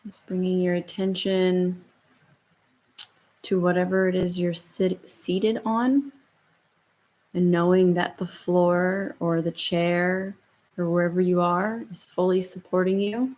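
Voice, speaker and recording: A woman leading a guided meditation as a yoga instructor, in a soft, soothing, slow murmur with long pauses between phrases. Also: lowish voice, fairly even intonation, rough recording.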